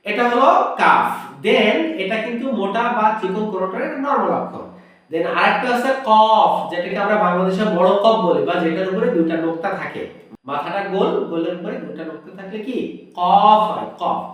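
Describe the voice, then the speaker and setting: A man with a fairly high voice gives a step-by-step Quran pronunciation lesson. He often asks a question and then answers it himself. He draws out each letter sound slowly, and he sounds a little off the mic in a very echoey room. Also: recorded from a distance. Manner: explains step by step, drawing out sounds slowly to demonstrate. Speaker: Quran teacher.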